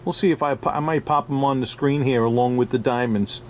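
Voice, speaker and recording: A man's voice: medium pitch, brisk, slight background noise. A man with a New York accent, a diamond dealer talking through a casual, unscripted review, chatty and chuckling often. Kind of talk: casual product review vlog.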